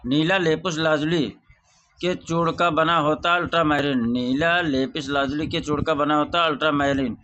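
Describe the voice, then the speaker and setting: A man teaching an exam revision lesson, reciting questions and answers in a steady drilling way. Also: on the high side, normal speed, highs cut off. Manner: softer, chatty sign-off to viewers.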